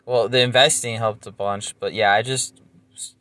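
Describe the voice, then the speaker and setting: A man's voice: on the low side, fairly even intonation, normal speed, sharp tone. Nasal-sounding guy in his 20s, rambly solo chat, lots of ums, kinda self-deprecating. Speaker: podcast host. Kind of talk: casual solo monologue.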